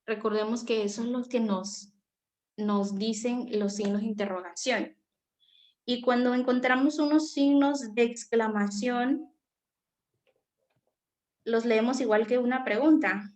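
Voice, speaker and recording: A woman's voice: on the high side, steady tone, measured pace, pauses often, a little mellow. A woman teacher leading a class, patiently asking questions and sometimes searching for the right words. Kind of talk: online class lesson.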